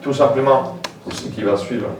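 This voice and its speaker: A man's voice: medium pitch, normal speed. A man giving a public lecture in a hall, informal and hesitant, with many fillers and asides. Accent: French with a foreign lilt. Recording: very echoey hall, distant mic, faint noise.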